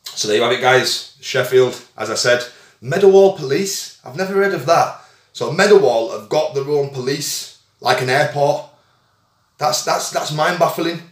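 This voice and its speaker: A man's voice: on the high side, animated, normal speed, roomy sound. Young man, repeating himself. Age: young adult. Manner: hesitant, repeats phrases, addresses others as mate. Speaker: vlogger on a phone call with police. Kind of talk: conversational phone call, informal. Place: small indoor room at home.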